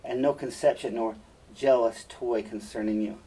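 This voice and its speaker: A man's voice: medium pitch, steady tone, normal speed, dark tone, husky, close to an everyday voice. A man reading the part of Emilia, a worldly and outspoken woman attendant, in a class reading of a play. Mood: knowing. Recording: distant mic, faint room noise.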